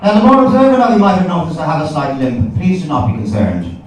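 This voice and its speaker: With a high-pitched voice that swings hugely in pitch, an Irish stand-up talks at a quick pace, spinning sweary, conversational tales. It's a live indoor comedy gig, recorded distantly in a noisy, echoey club.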